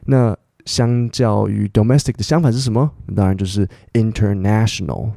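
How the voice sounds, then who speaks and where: A man's voice: lowish voice, normal speed, creaky, dark tone, no room sound, studio quality. A man hosting a casual English lesson podcast, spelling words letter by letter and chatting with many fillers. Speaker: English teacher podcast host. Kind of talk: bilingual English lesson, reading news and explaining words.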